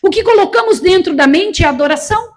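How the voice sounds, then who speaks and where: Preaching to her congregation, this Brazilian missionary of sixty has a very high voice and an animated, quick delivery. Her sermon is forceful and full of repetition, pressing the listeners with direct commands.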